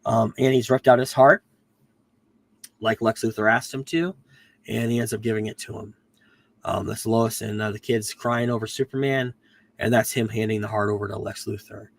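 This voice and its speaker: Recovering from a cold, his voice starting to go, a podcast host reviews a TV series in a fairly low, gravelly tone with fairly even intonation and normal speed. His plot recap wanders, peppered with ums and corrections of himself. A little hiss or hum sits under the recording.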